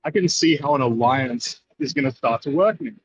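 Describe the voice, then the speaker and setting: A man talking in casual, rambling chat as a remote guest on a gaming stream, heard through noise suppression artifacts over loud background noise. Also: mid-range voice, moderate pace. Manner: rambling, lots of "like" and "uh". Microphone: remote call, no proper microphone. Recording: muffled remote call with noise reduction artifacts.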